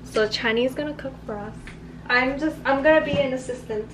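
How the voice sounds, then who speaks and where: A woman in her twenties chatting casually to a handheld camera in a car and a small kitchen, relaxed and giggly, slipping in Korean words. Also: high voice, a little fast. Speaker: vlogger. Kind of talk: casual vlog chat. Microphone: handheld camera close to face. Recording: noisy handheld camera audio.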